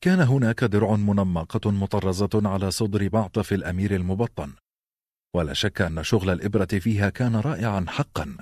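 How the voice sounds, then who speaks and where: A man narrating an audiobook in a measured storytelling voice. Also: fairly low pitch, a little mellow, no echo, studio quality. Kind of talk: scripted narration.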